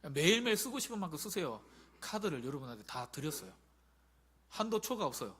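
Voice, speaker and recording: A man in his forties, a pastor preaching a sermon in an animated, emphatic way, with many rhetorical questions to the congregation. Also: a little high, fairly quick, slight background noise. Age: 40s.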